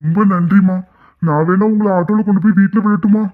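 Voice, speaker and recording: A man's voice: high-pitched, steady tone, fast talker, lightly acted. A man voicing a humble, grateful middle-aged father who drives an auto-rickshaw in a cartoon, speaking emotionally. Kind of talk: cartoon voice acting. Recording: tinny phone-like audio.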